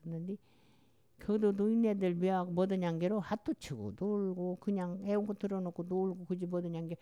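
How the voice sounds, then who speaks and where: A woman's voice: fairly low pitch, steady tone, a little fast, warm tone, no room sound. An older woman from Jeolla with a strong Jeolla dialect, chatting in a rambling, storytelling way as an interviewee. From Jeolla, Korea. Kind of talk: casual chat.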